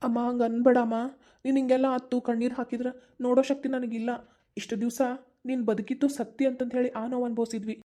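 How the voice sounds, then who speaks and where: A woman's voice: a little high, little pitch movement, dark tone, close to an everyday voice. A woman voicing an earnest, determined young man in a cartoon, with a North Karnataka Kannada accent. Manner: pleading, determined, talks fast. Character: earnest young man, devoted son and brother. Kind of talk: cartoon voice acting.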